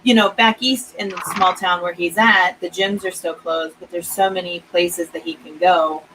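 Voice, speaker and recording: A woman's voice: lowish voice, fairly even intonation, moderate pace, background noise. Chatty woman hosting a writing stream. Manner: chatty, laughs often, trails off and restarts. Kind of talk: casual chat on a video call.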